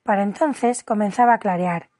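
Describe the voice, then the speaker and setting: A woman's voice: medium pitch, normal speed, warm tone. Woman reading a storybook aloud. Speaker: audiobook reader. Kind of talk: storybook narration.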